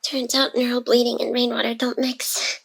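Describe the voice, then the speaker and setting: In an intimate ASMR roleplay, a woman plays a playful but wounded young female AI hacker who is secretly devoted. Her breathy, halting, teasing speech often drops to a whisper, slightly high-pitched and flatly delivered, in a hushed, pained mood.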